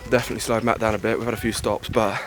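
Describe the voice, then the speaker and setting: A man's voice: on the low side, little pitch movement, very fast. A young man vlogging outdoors on a mountain hike, chatty, swearing and out of breath. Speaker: travel vlogger. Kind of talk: casual travel vlog.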